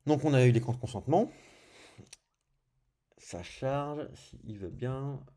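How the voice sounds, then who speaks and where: A man's voice: mid-range voice, animated, slow pace, warm tone. A man with a French accent giving a casual screencast coding tutorial, thinking aloud as he clicks through settings and saying little fillers like "hop" as he goes. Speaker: programming tutorial host.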